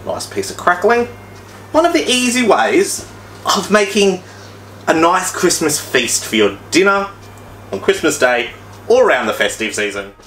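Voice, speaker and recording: A man's voice: high voice, big pitch swings, a little slow, fairly bright tone, roomy sound, slight background noise, poor audio. A man talking through a cooking demonstration, with chatty, upbeat, step-by-step instructions. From Australia. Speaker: cooking vlogger.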